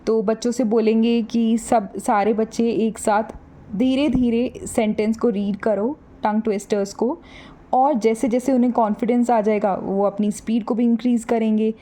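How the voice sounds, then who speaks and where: A young woman teaching trainee teachers, explaining in Hindi and reading English lines slowly and carefully. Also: fairly high pitch, steady tone, dark tone.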